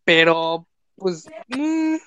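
A young Mexican content creator with a Mexican Spanish accent chats casually on a live stream, rambling with many fillers and restarts. His voice sits high with big pitch swings and a fairly bright, smooth tone, and he talks very slowly. The sound is lo-fi.

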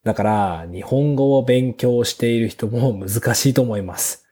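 A man hosting a beginners' Japanese lesson podcast, speaking slowly and simply with small fillers. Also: medium pitch, dark tone. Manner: slow, clear teacher's delivery with fillers. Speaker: podcast host teaching Japanese.

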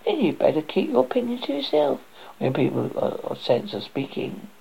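A reader voicing a proud, disdainful tomcat who talks curtly in a gravelly, husky voice. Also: medium pitch, big pitch swings, fairly quick, warm tone, voice pushed up, full character voice, rough recording. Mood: dismissive. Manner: curt, dismissive.

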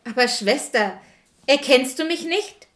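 An actress playing a kind, patient young stepsister who speaks gently. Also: female voice, sits high, expressive, unhurried. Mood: gentle.

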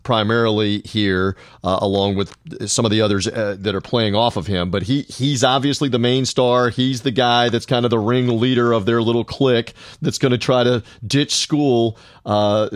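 A man's voice: medium pitch, no room sound, clean studio sound. A man co-hosting a casual movie podcast, rambling with lots of hesitation and a sarcastic edge. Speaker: podcast co-host.

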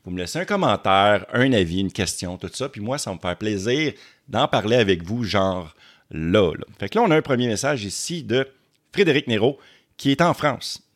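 Deep-voiced Québécois man chatting casually. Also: expressive, normal speed. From Quebec. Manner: chatty, stammers and repeats words. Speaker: YouTube host. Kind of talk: casual chat.

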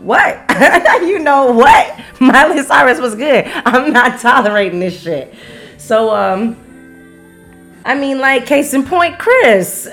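A woman's voice: fairly high pitch, fairly bright tone. A woman from the United States hosting a casual storytime monologue, frank and profane, laughing often and acting out quoted voices. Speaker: storyteller host.

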